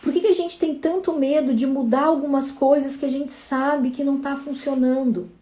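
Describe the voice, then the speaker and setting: A woman's voice: high voice, fairly even intonation, moderate pace, warm tone. A woman, a motivational speaker telling a parable in a conversational way. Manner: conversational, addresses listeners as "gente".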